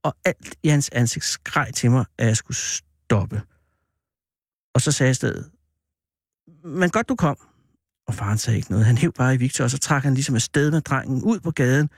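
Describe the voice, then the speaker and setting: A man hosting a show, telling a personal story in an animated, drawn-out way that turns hesitant, with many fillers. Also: mid-range voice, no echo, clean studio sound. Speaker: radio host.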